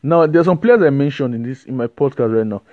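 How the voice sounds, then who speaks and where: Solo football podcast host, male, animated and rambling, mid pitch, dull dry recording. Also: fast, no room sound. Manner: animated, rambling opinions with many fillers and restarts.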